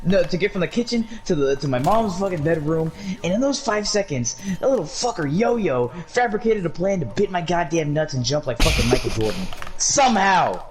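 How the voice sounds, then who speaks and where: A man's voice: a little high, very animated, a little fast, few pauses. A young man telling a funny story in casual chat, profane and laughing often. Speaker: podcast co-host, storyteller. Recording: noisy recording.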